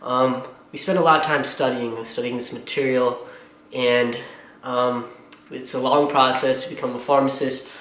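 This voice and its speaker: A young man talks earnestly to camera as a pharmacy student, rambling through his thoughts with plenty of fillers. He sounds a little out of breath, his voice sits at a middle pitch, and the room around him is echoey with faint background noise. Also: a bit bright. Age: young adult. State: slightly out of breath. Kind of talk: casual vlog talk to camera.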